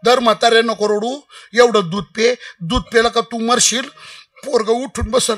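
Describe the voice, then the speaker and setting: A man voicing a crafty, calm holy man who talks in a soothing, sly way in a humorous sermon. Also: extremely high pitch, unhurried, heavily acted. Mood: coaxing.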